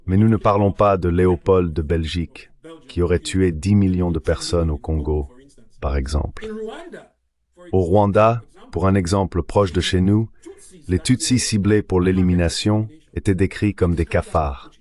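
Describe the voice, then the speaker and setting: A man's voice: low-pitched, normal speed, a little mellow. A man from Nigeria, a professor answering interview questions, explaining at length in a lecturing way and building his points with examples. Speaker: professor and guest. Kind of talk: interview answer in a dubbed translation.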